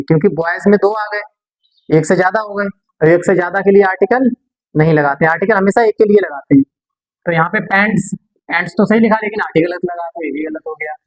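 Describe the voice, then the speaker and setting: A man's voice: sits high, low-quality recording. A man teaching a grammar class, explaining step by step and answering his own questions.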